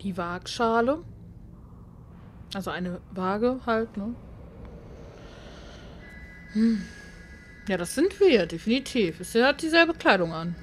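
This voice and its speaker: A woman's voice: mid-range voice, animated, slow pace, pauses often, a little hiss or hum. A woman gamer giving casual let's play commentary, reacting aloud in short asides.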